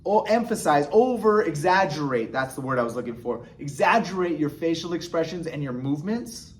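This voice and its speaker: A man's voice: on the high side, animated, brisk, slight background noise. A man teaching a beginner sign language lesson in a casual, encouraging way, often checking in with the viewer. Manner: encouraging, chatty, frequent "okay?" and "right?" checks. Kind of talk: casual instructional explanation.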